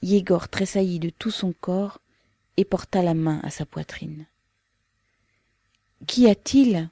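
A woman narrating a novel as an audiobook in a slow, measured, grave manner. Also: on the low side, steady tone, gravelly, mellow, no room sound.

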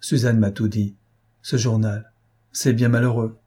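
A man voicing a loyal, reserved old male servant who speaks quietly and sadly. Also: fairly low pitch, little pitch movement, a little slow, breathy edge. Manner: sad, quiet.

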